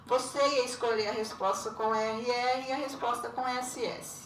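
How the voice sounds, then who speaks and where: A woman, a primary school teacher correcting homework in a recorded lesson, explaining slowly and patiently with frequent checking tags. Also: on the high side, fairly even intonation. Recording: roomy echo, voice a bit far from the mic, faint background noise.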